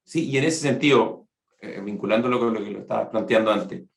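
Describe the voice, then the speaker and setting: A man interviewing a guest, polite and quick to agree. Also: lowish voice, vocal fry. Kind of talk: panel interview. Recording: echoey room.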